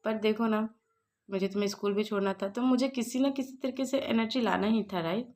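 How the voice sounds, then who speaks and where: A brash, hot-tempered young man voiced with push and emphasis, as a woman narrator puts him on. His voice sits a little higher than the narrator's plain talk. This is an explainer's retelling, not a staged drama. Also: steady tone, brisk, darkish tone, lightly acted. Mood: sarcastic.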